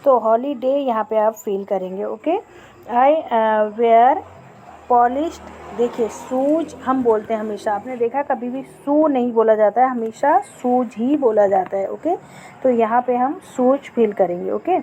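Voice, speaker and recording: A woman teacher explaining grammar in a recorded lesson, often checking in with "okay" and reading example sentences slowly. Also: on the high side, warm tone, slight background noise. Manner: checks in with frequent "okay" and "theek hai".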